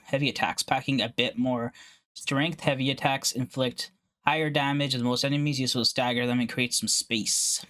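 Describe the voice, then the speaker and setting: A man's voice: medium pitch, fairly bright tone. Man stumbling through a read-aloud. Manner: halting reading with frequent uhs and self-corrections. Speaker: gaming channel host. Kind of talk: reading an article aloud and reacting.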